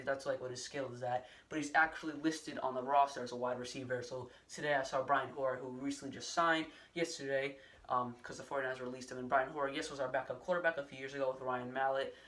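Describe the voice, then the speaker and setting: A man's voice: medium pitch, fairly bright tone, far from the mic. A young man giving a casual, rambling solo sports recap with many fillers and restarts. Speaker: sports vlogger.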